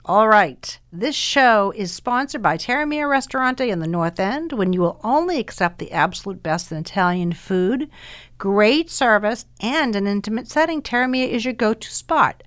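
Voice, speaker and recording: A woman's voice: mid-range voice, animated, normal speed, a bit bright, no room sound. A woman with a Boston accent hosting a radio interview show, with a chatty, informal way of talking. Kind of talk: radio interview and scripted host introduction.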